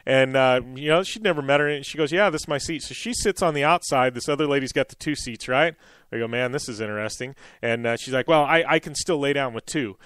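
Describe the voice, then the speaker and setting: A male radio show host telling a long anecdote in a casual, animated way with plenty of fillers. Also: mid-range voice, fast talker, clear, resonant tone, no room sound, studio quality. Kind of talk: casual storytelling monologue.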